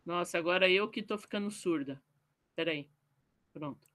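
A woman on a video call in an online book club, chatting casually and self-deprecatingly, and reading her own short poem slowly. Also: lowish voice, a bit bright. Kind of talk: casual online group chat. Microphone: computer mic on a video call.

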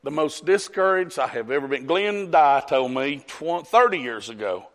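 A man's voice: fairly high pitch, lively intonation, normal speed, a bit bright. A man preaching a folksy storytelling sermon, calling on congregants by name. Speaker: pastor. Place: church sanctuary. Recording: long church hall reverb.

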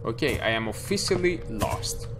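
This time the young let's-play gamer sounds very animated at a normal speed, his voice mid-range. He keeps thinking aloud and jumping at scares while commentating the horror game on a headset mic, game music playing in his small indoor room.

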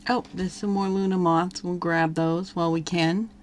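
A woman's voice: on the low side, level tone, moderate pace. A woman giving casual gameplay commentary as a let's play host, chatting and talking to her game characters as she plays.

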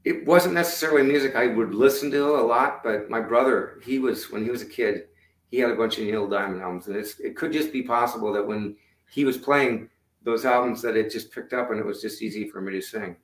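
A middle-aged musician, guesting on a casual interview over a webcam video call from a room at home, chats loosely about his music. He talks fairly quickly in a lower-range voice, with many fillers and restarts. The room sounds echoey.

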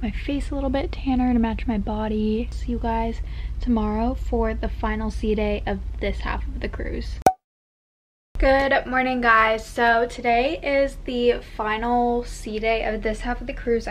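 A woman's voice: on the high side, moderate pace. A young woman vlogging casually from a cruise ship cabin into a handheld camera, chatty and full of "like". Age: young adult. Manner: chatty, filler-heavy with frequent "like". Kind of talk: casual vlog narration. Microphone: handheld vlog camera. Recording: noisy background, wind on deck.

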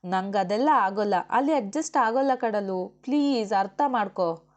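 A woman's voice: medium pitch, normal speed, lightly acted. Brief: woman reader voicing a bossy, short-tempered male official in an audiobook, giving curt orders. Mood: pleading. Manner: commanding, scolding. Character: stern male officer and husband, quick-tempered. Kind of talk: audiobook character voice.

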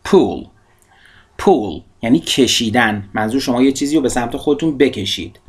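A man teaching English vocabulary, reading example sentences slowly and repeating them, and drilling pronunciation word by word. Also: medium pitch. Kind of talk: vocabulary lesson.

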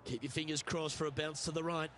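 An actor playing a composed male golf broadcaster, giving measured, scripted play-by-play for a video game. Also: on the high side, steady tone, background noise, close to an everyday voice. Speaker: golf commentator. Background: game music.

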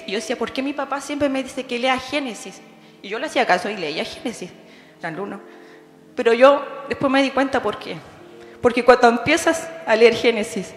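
A middle-aged Chilean woman with a Chilean accent, giving a heartfelt, emotional memorial testimony to her congregation. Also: a little high. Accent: Chilean Spanish. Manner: heartfelt, emotional, calls listeners "hermano". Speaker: bereaved daughter giving testimony. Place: church hall. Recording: echoey church hall with faint music.

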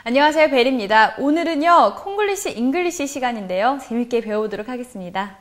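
A woman with a slightly high voice acts as a student on a TV English lesson. She speaks politely and asks short, curious questions about phrases. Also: lively intonation, fast talker.

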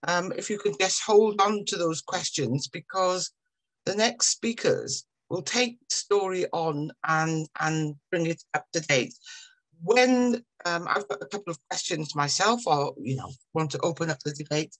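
A woman chairs an online meeting, speaking very slowly in a fairly low voice. Her audio sounds dry and close, and she fills her pauses with um as she hands over to the next speaker. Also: animated, no echo. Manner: unhurried, with many um fillers. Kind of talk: hosting a webinar.

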